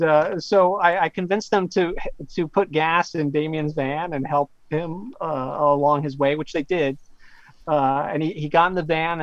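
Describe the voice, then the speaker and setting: A man's voice: on the high side, no room sound. A man, a professor and guest author, casually telling a story in an interview, rambling with many fillers and stammered restarts. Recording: slightly dull lo-fi audio.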